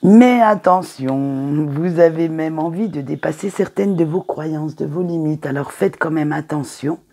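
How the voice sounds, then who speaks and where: Woman, card reader: warm, mellow tone, gently reassuring delivery to viewers. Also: low voice, fairly even intonation, normal speed, slightly rough. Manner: gentle, encouraging, with hesitant fillers. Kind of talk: weekly oracle card reading to viewers.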